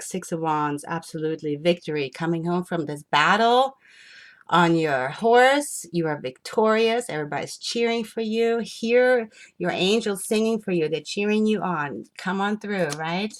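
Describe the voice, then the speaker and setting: A woman giving an enthusiastic spiritual tarot reading, excitable and rambling as she turns the cards. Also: on the low side, normal speed. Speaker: tarot reader.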